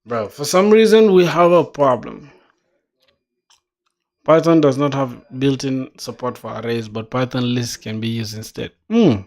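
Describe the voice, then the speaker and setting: A young self-taught programmer from South Sudan thinks aloud as he codes, reading documentation out loud, musing casually and saying "bro." His voice is mid-range and a little slow.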